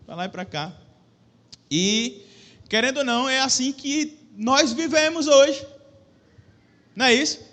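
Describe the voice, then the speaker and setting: A young man with a Brazilian accent giving a relaxed, joking sermon in a church hall, speaking into a microphone and asking the audience questions. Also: very high voice, measured pace, long pauses. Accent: Brazilian Portuguese. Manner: chatty, joking, self-deprecating, addresses the audience with questions. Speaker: preacher. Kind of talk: casual conversational sermon. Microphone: microphone with a stage monitor.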